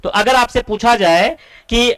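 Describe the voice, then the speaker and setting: Man, high pitch, classroom lesson, quizzing and repeating. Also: a little slow, a bit bright, rough recording. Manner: asks students questions and answers them himself, repeating key points. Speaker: teacher. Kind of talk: classroom-style lesson explanation.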